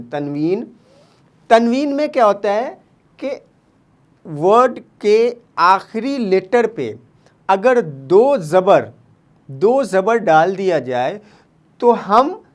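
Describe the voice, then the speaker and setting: A man teaching to children, spelling out each letter, repeating words and answering his own questions. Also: high-pitched. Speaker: Urdu teacher. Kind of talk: slow spelling-out lesson for children.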